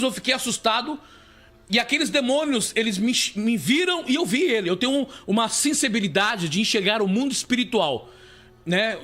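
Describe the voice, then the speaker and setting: A bishop with a Brazilian Portuguese accent gives a live preaching testimony, repeating himself, restarting often and calling his listeners "beloved." His voice is extremely high-pitched with a sharp tone.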